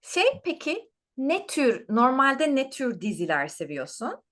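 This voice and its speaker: Lively, melodic woman interviewing. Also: high-pitched, a little slow. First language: Turkish. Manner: encouraging, repeats phrases simply for the learner. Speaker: interviewer, language teacher. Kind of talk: casual interview chat.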